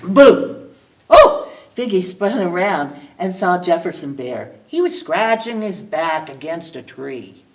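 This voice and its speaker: A woman librarian reading a picture book aloud at storytime, expressive, with small slips she corrects as she goes. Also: on the low side, unhurried, hardly any pauses, far from the mic, poor audio.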